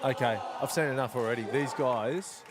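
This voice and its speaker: A man's voice: medium pitch, moderate pace, over a noisy crowd, heavy background noise. A man as co-commentator, chatting and telling stories between points. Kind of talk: live sports commentary.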